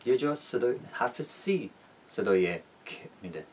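A man's voice: medium pitch, lively intonation, distant mic, slight background noise. A man teaching an English lesson in a casual, explanatory way, often checking in with rhetorical questions.

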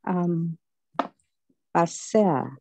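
A woman's voice: on the low side, expressive, drawn-out words, creaky, dark tone, a little hiss or hum. A woman student on a video call, reading words aloud hesitantly and repeating them after corrections. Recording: dull, lo-fi online call audio.

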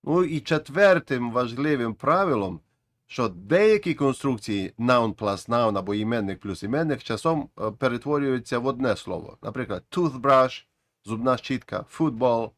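A man's voice: medium pitch, expressive, normal speed, dry recording, studio quality. A man explaining an English grammar lesson patiently, with frequent restarts and repeated phrases. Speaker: English teacher.

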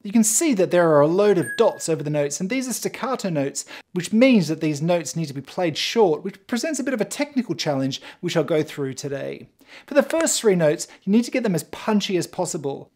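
A woman teaching bass guitar in a tutorial, explaining step by step in a clear, encouraging way. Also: big pitch swings, brisk, a little mellow. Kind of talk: instrument tutorial.

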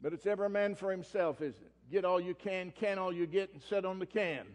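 A Southern US man preaching a fiery sermon as pastor, swinging from loud ranting to quiet scripture reading. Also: high-pitched, fairly quick. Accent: Oklahoma Southern US. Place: church sanctuary. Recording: long church hall reverb.

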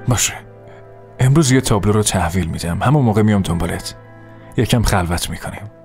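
A gentle young man in love, speaking softly in a lowish, calm voice. Soft music plays faintly underneath. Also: vocal fry. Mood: tender. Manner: tender phone talk to a lover. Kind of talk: Persian dub of a TV drama.

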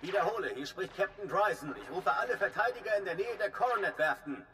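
A man's voice: high voice, expressive, fast, sharp tone, a little hiss or hum. An actor playing a male military captain who sends urgent, clipped calls for help over a distant sci-fi comm transmission.

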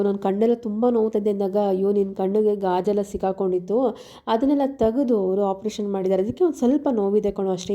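A woman's voice: mid-range voice, warm tone. A woman with a Kannada accent retelling a TV serial episode, reading the characters' lines plainly. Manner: plain storytelling, reads characters' lines without acting them. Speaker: serial recap narrator.

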